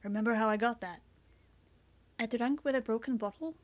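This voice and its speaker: A woman's voice: on the high side, a little fast, natural voice. A woman doing an easygoing young man. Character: warm young man, teasing lover. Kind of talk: audiobook character reading.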